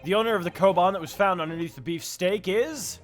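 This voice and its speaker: A man's voice: sits high, a little fast, soft background music, close to an everyday voice. A man playing an earnest defendant arguing his case in a courtroom game, emphatic and determined.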